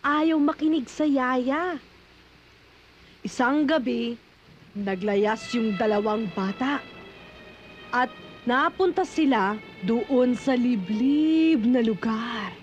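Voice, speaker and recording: A woman with a high voice tells a scary story to children in a slow, teasing way that builds suspense. Faint music plays beneath her. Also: expressive, muffled recording.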